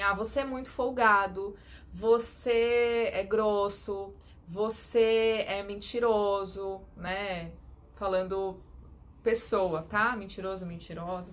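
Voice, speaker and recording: A woman psychologist with a São Paulo Brazilian accent explains communication skills to her audience. Her voice sits in an ordinary middle range. She teaches step by step and keeps checking that her viewers follow. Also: medium pitch. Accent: Brazilian Portuguese, São Paulo. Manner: didactic, checks in with listeners. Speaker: clinical psychologist. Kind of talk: direct-to-camera teaching tips.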